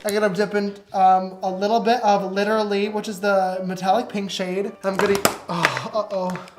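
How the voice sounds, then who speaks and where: A man's voice: high voice, level tone, moderate pace, very noisy. A young man, giggly and drunk, chatting playfully through a casual makeup tutorial. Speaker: beauty vlogger.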